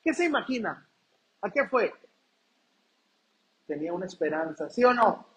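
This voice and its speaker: Preacher guy, high voice, reads scripture slow, lots of questions to the church. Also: very animated, a bit bright, a little hiss or hum, rough recording. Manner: preaching with rhetorical questions to the congregation; reads scripture aloud slowly and deliberately. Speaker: pastor. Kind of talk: sermon.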